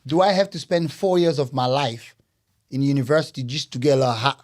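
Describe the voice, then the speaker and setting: A Scottish man hosts a podcast interview, chatting casually as he recaps his guest's story and encourages her with "nice, nice." His medium-pitched voice is fairly quick and a little mellow, with no echo.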